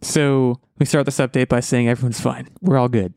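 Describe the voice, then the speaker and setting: A man's voice: mid-range voice, fairly even intonation, moderate pace, gravelly, darkish tone, no echo. A man hosting a podcast in casual chat, rambling and joking with lots of fillers and restarts. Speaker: podcast host.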